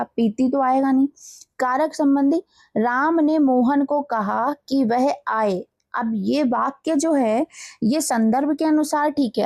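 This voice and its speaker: Slow, careful woman teacher. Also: a little high, a little mellow, no room sound. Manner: slow, careful word-by-word dictation, repeating each word. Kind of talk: exam-prep grammar lesson.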